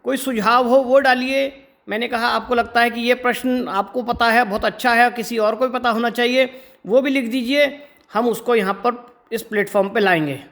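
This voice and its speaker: A man's voice: extremely high pitch, steady tone, a bit bright. Man teaching, with frequent rhetorical questions. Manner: explains step by step, asks students rhetorical check-in questions; stretches words slowly to demonstrate pronunciation. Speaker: Hindi teacher. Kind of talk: exam-prep lecture.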